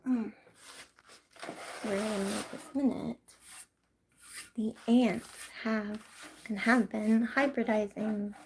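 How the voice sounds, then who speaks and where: A young woman from California chatting casually with her livestream viewers, soft-spoken and often slipping into whispers. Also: on the high side, steady tone, slow pace, long pauses, slight background noise. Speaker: livestream host.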